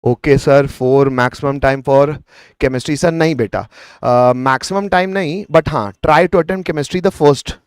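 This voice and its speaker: A man's voice: a little high, quick pace, clear, resonant tone, dry recording. Indian-accented man teaching a live class, dry sound. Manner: mixes Hindi into English, addresses students as beta. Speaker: chemistry teacher. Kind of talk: live online exam lesson, explaining and answering student questions.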